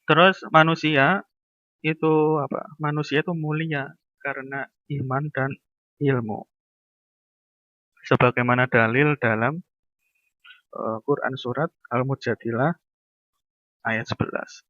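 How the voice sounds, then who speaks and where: A man's voice: medium pitch, fairly even intonation, measured pace, long pauses, fairly bright tone, no room sound, dull audio. Casual male lecturer. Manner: informal, talks through everyday examples and acts out little dialogues.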